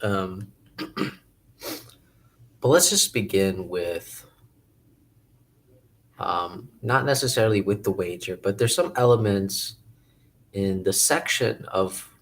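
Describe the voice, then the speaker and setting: Man, very low voice, slow, hesitant, thinking aloud, casual to-camera musing. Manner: hesitant, thinking aloud with many pauses and restarts. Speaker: video essayist.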